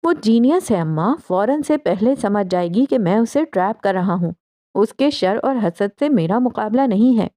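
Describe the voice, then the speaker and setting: A woman's voice: medium pitch, animated, warm tone, natural voice. A woman voicing a dismissive young man who talks to his mother. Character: dismissive young man wary of a clever rival.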